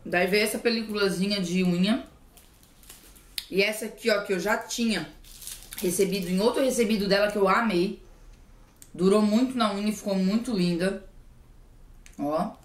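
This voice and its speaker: A woman's voice: mid-range voice, moderate pace, pauses often, echoey room. A woman from Brazil, chatting casually and gushing as she opens mail at home. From southern Brazil. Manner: gushing, exclamatory, playful. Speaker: vlogger opening mail. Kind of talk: casual unboxing chat.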